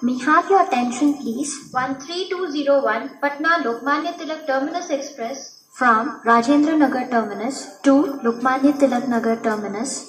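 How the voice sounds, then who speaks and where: A woman whose Indian-accented voice sits high makes formal railway station announcements, in Hindi and English, in careful, stitched-together phrasing. Captured from a distance, the PA audio echoes around the station, with music audible too.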